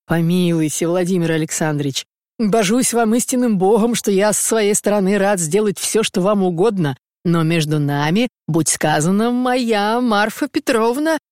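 A woman's voice: mid-range voice, lively intonation, moderate pace, a little mellow, no echo, clean studio sound, close to an everyday voice. A woman voicing a fussy, evasive provincial landowner who grows flustered and meek. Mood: confiding.

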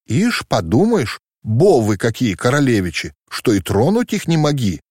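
A man voicing a bold, mocking young servant girl with a quick, teasing folksy way of talking in a storybook reading. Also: medium pitch, huge pitch swings, darkish tone, husky, no room sound, clean studio sound, voice pushed up. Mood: scoffing.

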